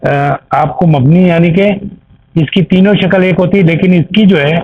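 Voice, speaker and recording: A man teaching an Arabic grammar class, explaining slowly and repeating each term while checking that his listeners follow. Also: high-pitched, fairly even intonation. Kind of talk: grammar lesson. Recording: tinny phone-like audio.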